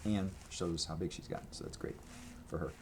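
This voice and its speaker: A man with a deep voice and steady tone talks briskly to his camera at a table at home, giving a rambling, chatty tour of his merch with many fillers and restarts. Background noise is audible through the camera mic, and the room has gray walls with a red accent wall.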